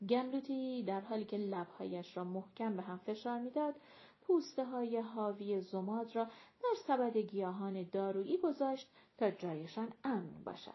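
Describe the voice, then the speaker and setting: A woman's voice: medium pitch, muffled recording. Woman narrating an audiobook.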